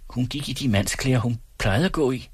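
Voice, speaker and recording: Guy doing a scared young maid, teary, pitched up, dry close sound. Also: slightly rough, no echo, lightly acted. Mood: frightened. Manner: tearful, pleading. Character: frightened young servant girl.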